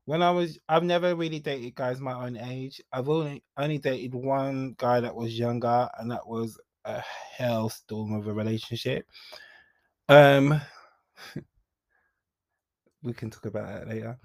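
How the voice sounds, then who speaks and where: A man's voice: mid-range voice, fairly even intonation, unhurried, a little mellow, dry recording. A young man, hosting a solo podcast and talking frankly and chattily, with confiding asides and bursts of emphasis. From Jamaica. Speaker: podcast host. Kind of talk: candid solo podcast monologue.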